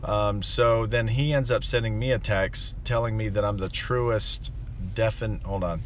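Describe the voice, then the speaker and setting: Speaking in a lowish, fairly even voice at a slightly slow pace, a young man with a landscaping business airs his complaints to the camera. The casual monologue wanders, packed with fillers, over a faint hiss or hum.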